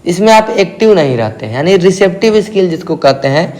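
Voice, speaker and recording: A male teacher with a north Indian accent giving an exam-prep lecture, posing questions and answering them himself, repeating key terms slowly. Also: sits high, very animated, a little mellow. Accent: Hindi-speaking north Indian.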